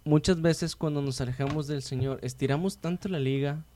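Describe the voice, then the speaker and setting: Guy hosting a faith chat, slightly high voice, easygoing homely examples. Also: fairly quick, slight background noise. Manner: explains with homely comparisons, relaxed. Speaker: host.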